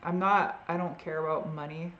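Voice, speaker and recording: Roomy, low-fi woman rambling casually. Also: steady tone, normal speed, dull audio. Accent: Boston. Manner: rambling and unsure, often trailing off. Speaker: host answering viewer questions. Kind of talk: casual live Q&A chat.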